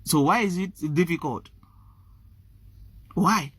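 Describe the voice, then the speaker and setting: A man with a fairly high-pitched voice speaks to camera, pressing his questions and repeating his points. The sound is dry, with no room echo. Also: slow, a bit bright, slightly rough. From Nigeria. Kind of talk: casual vlog commentary.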